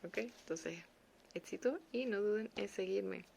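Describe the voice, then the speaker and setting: A woman teaches French in a relaxed, unhurried way, with a slightly low and gravelly voice. She explains patiently and drops in playful little asides. A faint hiss of noise sits under the recording. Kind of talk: casual online language lesson.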